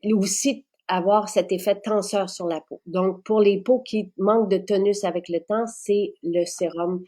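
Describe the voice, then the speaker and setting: A woman's voice: medium pitch, a little mellow. A woman hosting a casual chat about skincare products, enthusiastic and repeating words for emphasis. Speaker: host presenting skincare products.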